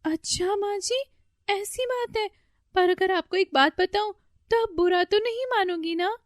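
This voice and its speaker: A woman voicing a bold, defiant young daughter-in-law in a storybook tale, with a loud, scolding, commanding way of talking. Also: very high voice, a little slow, no echo, studio quality, voice pushed up. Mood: sweetly innocent.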